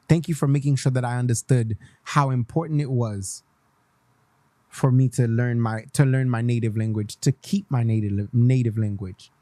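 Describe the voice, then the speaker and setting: This radio host is a young man from Haiti who runs his show in a relaxed, passionate style, going back and forth between English and Creole and repeating points for emphasis. He has a mellow, mid-range voice with no echo.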